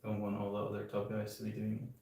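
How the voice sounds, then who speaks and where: An eighteen-year-old man from the Netherlands, chatting casually and relaxed on a livestream, hedging with filler phrases. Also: fairly low pitch, fast talker. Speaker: streamer. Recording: echoey room, far from the mic, clicking noise.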